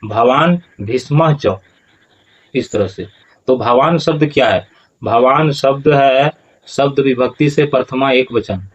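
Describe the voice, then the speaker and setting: A man teaching how to pronounce scripture verses, speaking slowly and deliberately and repeating phrases over and over. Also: mid-range voice, husky, dull audio. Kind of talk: explaining verse pronunciation.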